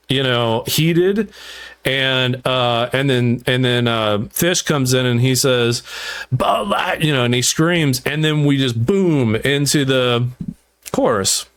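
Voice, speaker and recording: A man hosting a podcast, talking at length about writing his song, animated and full of restarts. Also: mid-range voice, smooth. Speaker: podcast host and musician. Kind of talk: casual interview chat.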